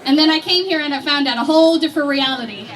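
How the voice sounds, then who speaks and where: A woman's voice: high voice, fast, fairly bright tone. A young woman from Iraq, giving an earnest, emphatic rally speech with a few nervous restarts. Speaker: rally speaker and organizer. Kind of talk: outdoor rally speech, partly read from notes. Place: outdoor protest rally. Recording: distant mic with crowd behind.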